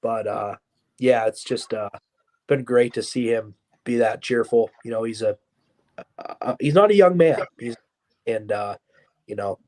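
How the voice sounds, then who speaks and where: A man co-hosting a sports podcast, speaking casually and haltingly, filling gaps with "you know" and restarts. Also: medium pitch, a little mellow. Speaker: podcast co-host.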